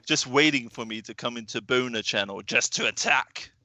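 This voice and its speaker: A man's voice: medium pitch, normal speed, sharp tone, no echo. A man co-hosting a trading livestream from home, talking trades with dry teasing humor. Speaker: trading stream co-host. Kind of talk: casual livestream banter.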